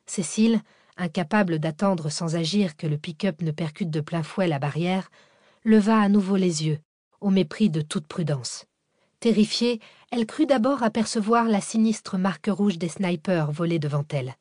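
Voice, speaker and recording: A woman's voice: on the low side, moderate pace, dark tone, no room sound. Woman reading a thriller aloud, dry. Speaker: audiobook narrator. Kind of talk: scripted narration of a thriller.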